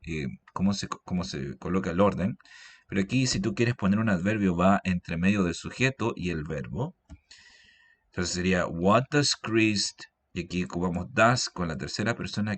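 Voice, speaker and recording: A man giving a grammar lesson, patiently repeating example sentences. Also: low-pitched. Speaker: English teacher. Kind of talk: grammar lesson explained in Spanish.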